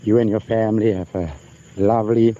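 Listener voice message: a man with a low, friendly, thankful delivery, recorded lo-fi with faint insect noise outdoors. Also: little pitch movement, a little fast. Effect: recorded voice message played on air. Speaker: listener sending a voice note. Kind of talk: casual spoken greeting. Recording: dull lo-fi voice note with faint crickets.

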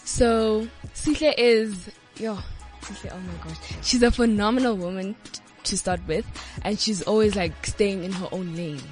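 A woman's voice: mid-range voice, normal speed, few pauses, a little mellow, soft background music. Bubbly young South African woman. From Johannesburg, South Africa. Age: young adult. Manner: bubbly, many "yes" and "like" fillers. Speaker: studio guest, student and model. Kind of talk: casual interview answers. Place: radio studio.

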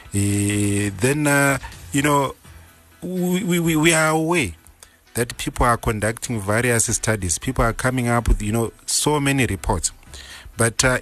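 A man's voice: mid-range voice, fairly bright tone. Man, police spokesman, firm official tone, faint music behind. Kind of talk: radio interview answers.

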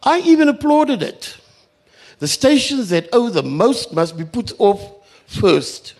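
A South African man speaking on a panel as a representative of the community radio sector delivers an impassioned, indignant and sarcastic speech, hammering phrases home through repetition. His voice is very high and a little mellow, very animated yet slow in pace.

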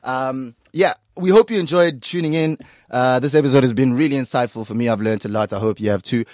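A man's voice: mid-range voice, fairly quick, darkish tone, dry recording, clean studio sound. A man co-hosting a podcast in casual chat, joking, swearing freely and rhyming off the cuff. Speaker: podcast co-host.

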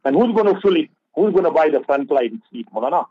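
Guy preaching on radio, husky voice, dull lo-fi sound, keeps repeating himself. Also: fairly high pitch, very animated, fast talker, no room sound. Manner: preachy, repeats key phrases for emphasis. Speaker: Islamic scholar on radio. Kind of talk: advice talk on a radio show.

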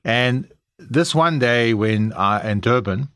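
A man's voice: medium pitch, expressive, slow pace, a bit bright, no room sound, clean studio sound. A middle-aged South African man with a South African English accent, frankly telling his personal testimony as an interview guest. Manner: candid, frank storytelling.

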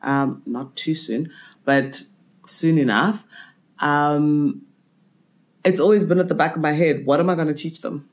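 A young man from Zimbabwe, a guest on a podcast, who talks openly and with animation. His conversational delivery moves easily between personal reflection and lively agreement. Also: a little high, unhurried, long pauses. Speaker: podcast guest, brand strategist.

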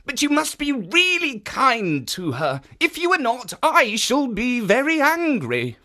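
A storyteller voicing a kindly stone statue deity who warns earnestly and gently. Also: sits high, wildly swooping pitch, unhurried, voice pushed up, heavily acted.

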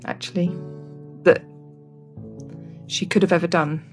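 A woman's voice: fairly low pitch, fairly even intonation, a little slow, soft background music. A woman speaking candidly and thoughtfully about a close friend in a reflective conversation. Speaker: interviewee.

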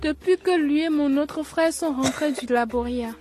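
Woman playing an earnest, high-voiced teenage girl. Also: normal speed, a little mellow, faint music behind, lightly acted. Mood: worried. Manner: respectful, inquisitive. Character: polite, earnest teenage girl from a poor township. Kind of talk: radio drama acting.

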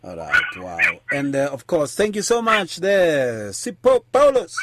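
Casting: South African male radio host, casual, higher-pitched, very animated delivery, code-switches mid-sentence. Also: a little slow, heavy background noise. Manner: mixes English with a Nguni language. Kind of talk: casual talk show hosting.

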